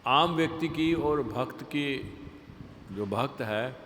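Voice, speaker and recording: A man's voice: mid-range voice, slow pace, fairly bright tone. Brief: male class speaker, patient, repeats for emphasis, long reverb from a temple hall, faint background hum. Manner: explains with everyday examples, stresses points by repeating. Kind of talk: devotional scripture class. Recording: echoey hall with faint ambience.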